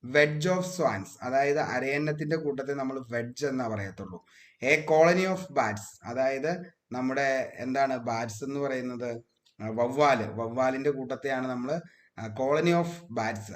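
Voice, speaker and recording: A man's voice: mid-range voice, moderate pace. A man teaching an exam revision lesson, repeating each fact and asking questions he answers himself. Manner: drills facts by repeating them, asks then answers himself.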